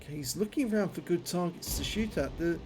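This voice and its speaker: A man's voice: a little high, expressive, quick pace, a little mellow, a little hiss or hum. A man giving running commentary on a video game, his speech slightly impeded by a numb, toothache-swollen jaw. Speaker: gameplay commentator.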